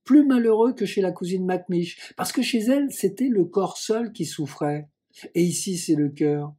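A man's voice: high-pitched, normal speed, mellow, husky, pitched above the performer's own voice. A man voicing an impulsive, affectionate teenage boy in a storybook reading. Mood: emotional. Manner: eager, pleading.

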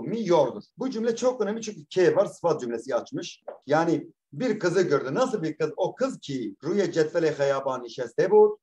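A man's voice: a little high, warm tone, muffled recording. A male teacher explaining step by step. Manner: explains patiently, repeats words, asks questions and answers them. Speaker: language teacher. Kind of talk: classroom lesson, reading and translating a text line by line.

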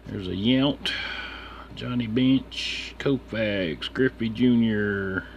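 This card-hobby streamer mutters lazily and slangily as he sorts through cards at his computer desk, listing them one at a time. He speaks very slowly in a low voice with vocal fry, and the lo-fi recording has constant room noise.

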